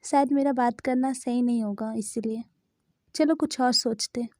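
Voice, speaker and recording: A timid young man, voiced by a woman, who frets and begs in a high, mellow tone. He is scared of every call and pleads to be spared. The recording is close and dry, as in a storybook fan dub. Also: steady tone, normal speed, no echo, natural voice. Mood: nervous. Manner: anxious, pleading.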